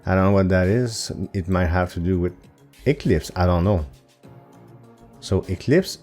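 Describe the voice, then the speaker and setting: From his home recording setup, a man hosts his own gaming channel with a deep, darkish voice. He thinks aloud over the gameplay in casual commentary, full of hesitant fillers and self-corrections.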